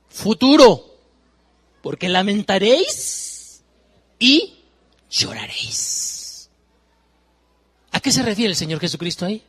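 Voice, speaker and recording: A man preaching a sermon, emphatic, moving from hushed warnings to loud exclamations and repeating phrases. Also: extremely high pitch.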